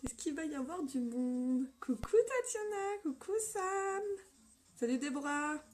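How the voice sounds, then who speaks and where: Slightly hoarse woman doing a makeup live on her phone, high voice, unhurried, chatty n upbeat, faint music behind. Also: animated, darkish tone. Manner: upbeat, greets viewers by name. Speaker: live makeup tutorial host. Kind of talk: casual live-stream chat and makeup demo.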